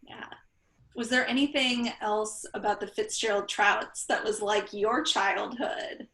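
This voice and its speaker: A youth services librarian hosts a virtual interview over a video call, sounding upbeat and enthusiastic. Her mid-range voice is steady, measured, pushed and bright, and the call picks up an echoey room.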